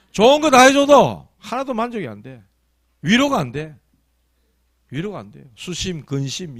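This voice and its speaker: A man's voice: on the high side, a little mellow, dry recording. A man preaching a Sunday sermon as pastor, telling stories in a colloquial, emphatic way. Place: church.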